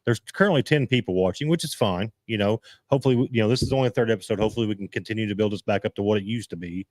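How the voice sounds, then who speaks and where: A man hosting a casual live-stream chat, rambling and halting as he restarts his sentences. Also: fairly low pitch, a little mellow, no room sound, studio quality. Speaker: host.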